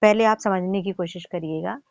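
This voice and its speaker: A woman's voice: medium pitch, vocal fry, dry recording, highs cut off. A woman teaching a grammar lesson, reciting and correcting pronunciation syllable by syllable. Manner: careful drawn-out syllable-by-syllable pronunciation drills. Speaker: Sanskrit teacher.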